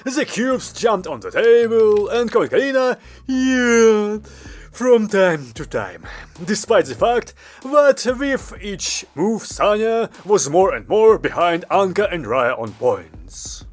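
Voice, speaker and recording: A man narrating an audiobook in a lively, expressive storytelling manner. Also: sits high, takes it slowly. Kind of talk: scripted narration. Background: background music.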